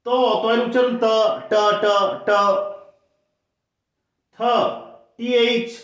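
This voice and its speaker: A man teaching pronunciation, slow and patient, repeating each sound several times. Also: very high voice, little pitch movement. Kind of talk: spoken language lesson. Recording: very echoey room.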